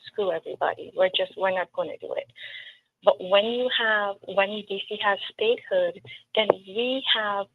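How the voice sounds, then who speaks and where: This is a political candidate in an interview, a woman with a Trinidadian accent whose answers are earnest, emphatic, and sprinkled with stories. She talks at a normal speed in a mid-range voice with some vocal fry. The audio is thin and phone-like, with a faint hiss.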